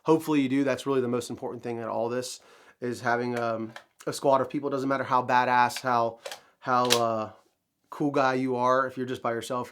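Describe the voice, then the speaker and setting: A man hosting his own channel, talking casually to camera with a nasal, stuffed-up voice from a cold, rambling with lots of fillers. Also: medium pitch. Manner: rambling, with many fillers and restarts. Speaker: firearms channel host.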